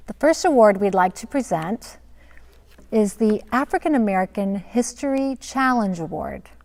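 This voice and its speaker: Woman counselor at a school awards show, friendly, talks kinda quick. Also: mid-range voice, a little mellow, long reverb tail. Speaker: head of counseling. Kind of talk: formal ceremony introduction.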